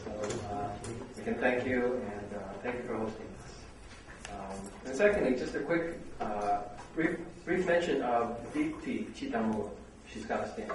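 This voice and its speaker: A middle-aged vice dean gives opening remarks at a university seminar in a lecture room, hesitating often and filling gaps with ums and uhs. His mid-range voice is picked up from afar in a very echoey space, with a constant hiss beneath.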